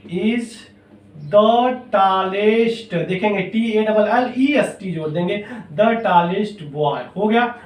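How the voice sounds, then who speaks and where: High-voiced man teaching grammar in an echoey room. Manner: explains step by step, asks and answers his own questions. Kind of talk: classroom-style grammar lesson. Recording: echoey room, voice a bit far from mic.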